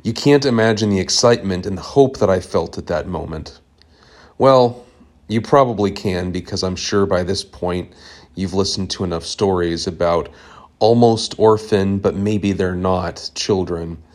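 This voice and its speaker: A man hosting a podcast, reading a scripted comic story in a deadpan, earnest way from a home basement. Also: low voice, a little slow. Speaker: podcast host. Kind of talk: scripted comedic narration.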